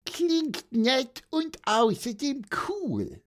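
A woman's voice: high-pitched, wildly swooping pitch, drawn-out words, exaggerated voice. A woman voicing a cheerful, easygoing child chatting in a storybook reading.

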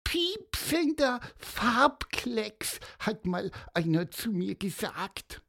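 Piper, a squeaky little bird. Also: male voice, big pitch swings, very slow, vocal fry, a bit bright, exaggerated voice. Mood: sympathetic. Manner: high squeaky piping voice. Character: small cheeky curious little bird.

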